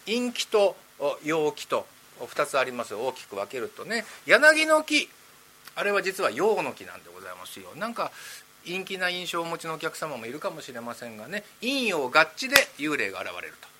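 Man, rakugo storyteller, playful, chatty, animated pitch. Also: a little fast, poor audio. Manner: lively, playful, chatty with asides to the audience.

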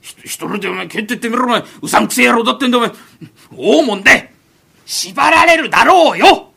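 A man voicing a rough, teasing townsman in a comic rakugo story, with gruff, bossy street talk. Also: high-pitched, sing-song, a little fast, pushed and bright, pitched below the performer's own voice, exaggerated voice. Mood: exasperated.

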